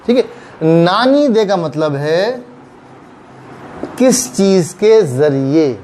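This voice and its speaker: A man with an Urdu accent teaching Japanese grammar, patiently repeating example phrases slowly. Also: sits high, big pitch swings, warm tone, slight background noise. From Pakistan. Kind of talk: explaining grammar in a recorded lesson.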